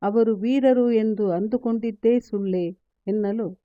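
A woman's voice: a little high, steady tone, unhurried, no echo, lo-fi sound, close to an everyday voice. Subhadra, a woman voicing a grieving mother. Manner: lamenting, pleading questions. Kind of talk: storytelling narration.

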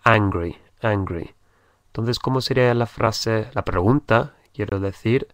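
A man's voice: medium pitch, moderate pace, no room sound, studio quality. A man teaching a language lesson, patiently repeating each phrase and spelling out letters. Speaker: English teacher. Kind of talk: slow spoken language lesson.

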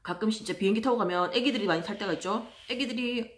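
A woman telling stories in a casual monologue, chatty and exasperated, acting out other people in loud voices. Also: mid-range voice, very fast. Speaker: vlogger.

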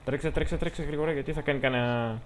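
There's slight background noise behind this fairly high-pitched male voice. A gameplay commentator with a Greek accent, he chats and jokes through his let's-play, talking to the characters on screen.

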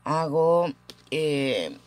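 A woman teaching a casual language lesson at home, patiently repeating each example with frequent "eh" pauses. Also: deep voice, big pitch swings, darkish tone, slight background noise.

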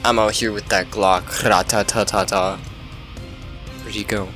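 A man's voice: lowish voice, steady tone, normal speed, bright, forceful tone. A young man giving casual, self-mocking commentary over his own gameplay, breaking into yelps and laughter when things go wrong. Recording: faint music behind.

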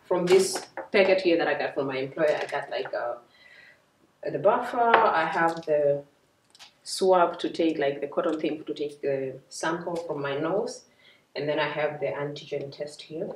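Speaking unhurriedly in a low voice over some background noise, a young working mother chats indoors at home for her vlog. She walks through each step with plenty of fillers, recorded by a distant mic in an echoey room.

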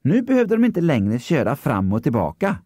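A man narrating a children's story, expressive and storytelling. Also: mid-range voice, slightly rough, no room sound, clean studio sound.

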